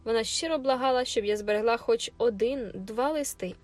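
A woman narrates an audiobook in a fairly high voice. She reads with plenty of expression and turns stern and scolding for the housekeeper's lines. Faint music runs underneath. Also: brisk. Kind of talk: audiobook reading.

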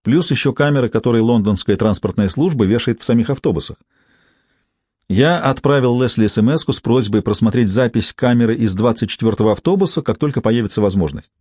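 A man's voice: medium pitch, expressive, fairly quick, darkish tone, no echo. A man narrating a first-person audiobook in a dry, ironic storytelling manner.

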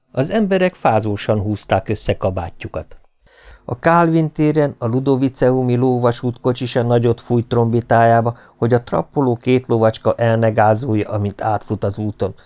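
A man reading a novel aloud as an audiobook narrator, expressive and following the story. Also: medium pitch. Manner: expressive, rises and falls with the story. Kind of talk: scripted narration.

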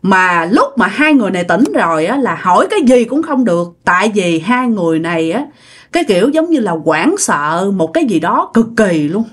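A woman's voice: medium pitch, big pitch swings, a little fast, slightly rough. A woman telling a ghost story in a chatty way, often speaking directly to her listeners. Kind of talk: casual ghost story narration.

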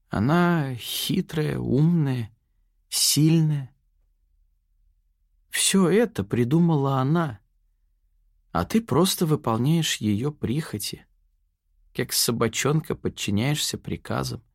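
A man's voice: medium pitch, no echo, clean studio sound, voice pushed up. A man voicing a frightened young woman held captive who speaks with hurt bitterness.

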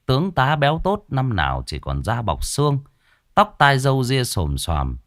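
A man narrating a horror story in a dramatic, expressive way, recorded on a close mic. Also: medium pitch, moderate pace, dry recording.

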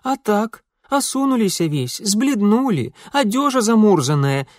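A reader voicing a cheeky young maid with a Ukrainian-flavored rural accent who talks back sassily. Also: female voice, mid-range voice, big pitch swings, measured pace, a little mellow, no echo, clean studio sound, pitched above the performer's own voice. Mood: sassy scolding. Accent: Ukrainian-flavored rural speech.

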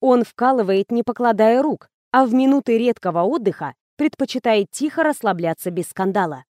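A woman narrating a first-person audiobook with wry, conversational irony. Her voice sits fairly high and moves in a lively way. The reading is dry and close to the mic. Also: moderate pace, dry recording.

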